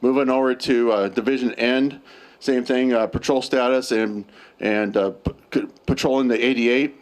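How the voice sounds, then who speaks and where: An American man with a mid-pitched voice gives an operational status report. He is matter-of-fact and halting, feeling his way from item to item. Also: steady tone. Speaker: night operations officer. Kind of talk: spoken status report at a briefing.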